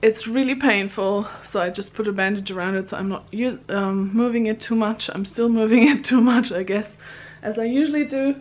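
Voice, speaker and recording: With hardly any pauses, a woman in her thirties talks at normal speed in a medium-pitched, slightly mellow voice. She is vlogging casually from a small home craft room, upbeat and laughing between words, holding the camera at arm's length.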